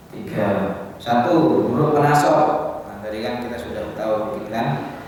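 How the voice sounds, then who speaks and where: A man's voice: medium pitch, slight background noise. A man teaching a religious study class, asking the audience questions and answering them himself. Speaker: Islamic teacher. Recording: echoey hall from a distance.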